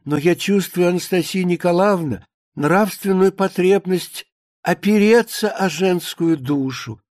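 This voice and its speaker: A man's voice: high-pitched, unhurried, darkish tone, dry recording, studio quality, voice pushed up. A man reading a play aloud, voicing an awkward, pompous bachelor who courts in flowery words. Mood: courting.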